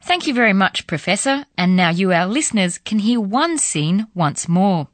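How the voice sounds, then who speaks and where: A woman's voice: mid-range voice, sing-song, normal speed, soft background music. A woman presenting a scripted radio language course in an instructional way. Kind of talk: scripted lesson narration.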